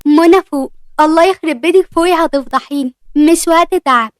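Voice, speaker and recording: Egyptian schoolgirl in a storybook, high and quick, dramatic complaining, done by a woman narrator. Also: dry recording, studio quality. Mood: panicked. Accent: Egyptian Arabic. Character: panicky teenage schoolgirl heroine, dramatic.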